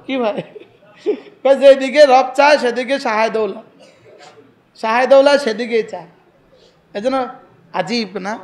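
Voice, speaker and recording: A man's voice: very high-pitched, a little slow, pauses often. A man from Bangladesh with a Noakhali accent, preaching a sermon, telling anecdotes and getting the crowd to repeat his lines back. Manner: call-and-response, asks crowd to repeat, tells anecdotes.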